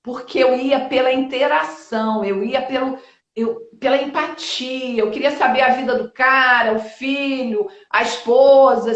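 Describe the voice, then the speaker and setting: A high-pitched woman in her fifties talks as a guest on a live stream, blunt and lively, with mild swearing and quick asides. The audio is dull and lo-fi, and her voice echoes in the room. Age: 50s. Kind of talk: live-stream interview, casual talk. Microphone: video call.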